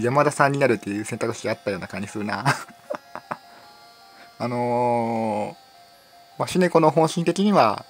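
A hoarse man with a lilt chats through a game, reading out its text and stumbling over words as he giggles. His pitch sits in an ordinary middle range, with soft game music faint underneath. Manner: giggles often, reads dialogue with stumbles and asides. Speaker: game streamer. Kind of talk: playful let's-play commentary reading game text aloud.

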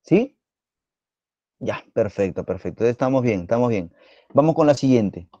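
A man with a Peruvian Spanish accent teaching a live online biology exam-prep class, quizzing students in a playful, teasing way and repeating words rapidly. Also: mid-range voice, expressive, dark tone, no room sound, muffled recording.

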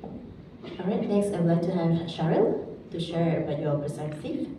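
A woman's voice: fairly low pitch, lively intonation, a little slow. A woman moderating a panel in a formal manner. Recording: very echoey hall, distant mic, faint noise.

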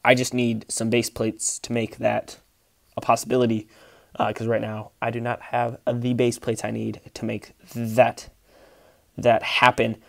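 Man, casual rambling vlogger, dry close phone sound, mid pitch. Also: completely flat delivery, unhurried, vocal fry, a bit bright, dry recording. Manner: rambling, many fillers and restarts. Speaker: Lego city builder and channel host. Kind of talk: casual vlog walkthrough. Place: indoor room with a large Lego table, behind the camera.

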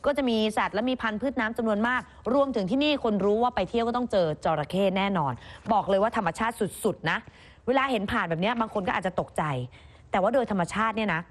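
Fast-chatting young woman news co-host. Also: mid-range voice. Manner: playful, teasing banter.

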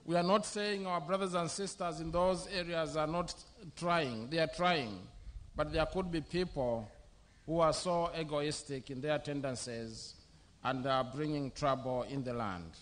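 Slow-speaking bishop at a podium. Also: male voice, fairly high pitch, fairly bright tone. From Zambia. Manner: slow, measured delivery in short phrases. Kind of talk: sermon. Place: outdoor covered church venue. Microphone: podium microphone.

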